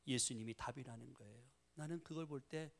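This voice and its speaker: A middle-aged male pastor preaching a sermon in an animated way, often prompting the congregation with rhetorical questions. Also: mid-range voice, fairly quick, vocal fry.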